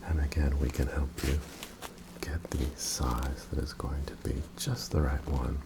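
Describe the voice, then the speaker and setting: A man in a whispered ASMR role-play as an attentive, courteous tailor, breathy and softly presenting his wares to a customer. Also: a bass voice, fairly even intonation, a little slow, very noisy.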